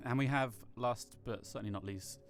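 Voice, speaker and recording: A man hosting a tabletop game stream as game master, relaxed and laughing often. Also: mid-range voice, normal speed, gravelly, faint music behind.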